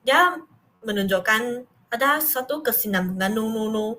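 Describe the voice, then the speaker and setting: A young woman student giving a class presentation, reading from notes with hesitant pauses and restarts. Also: fairly high pitch, expressive, pushed and bright.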